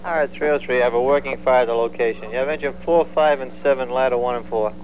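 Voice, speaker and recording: A man's voice: mid-range voice, fairly even intonation, fast. A man working as a fire alarm dispatcher, making urgent, terse, formal radio calls and repeating each message. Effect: two-way radio. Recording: very noisy emergency radio with hum. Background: hum and radio noise.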